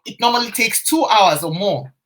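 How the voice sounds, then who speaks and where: This woman, a confidence coach, spins a story during a relaxed live stream, talking chattily to viewers, calling them by name and frequently starting her sentences over. Her mid-range voice is animated and fairly bright, moving at a moderate pace, picked up through a phone or webcam mic.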